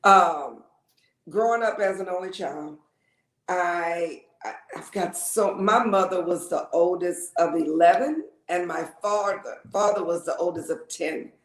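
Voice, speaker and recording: A woman, chatting as an interview guest, repeating words and filling pauses with ums. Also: on the low side, echoey room. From Lake Charles, Louisiana. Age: 50s. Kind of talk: casual interview storytelling.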